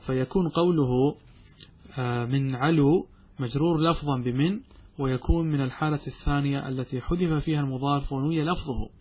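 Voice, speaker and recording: A man teaching a classical Arabic grammar lesson, who explains by asking and answering his own questions and recites verses slowly. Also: mid-range voice, darkish tone, slightly rough.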